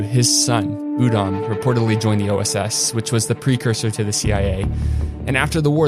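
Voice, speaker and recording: A man hosting a podcast, narrating a documentary script in a measured, earnest and emphatic way. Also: lowish voice. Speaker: podcast host. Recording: narration over clear music.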